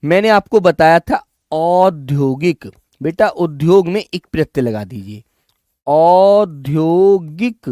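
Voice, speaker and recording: In a dry, close recording, a Hindi teacher with a fairly high, slightly mellow voice runs an online language class. He's expressive, addresses his students as "child," repeats every word slowly, and keeps encouraging them onward.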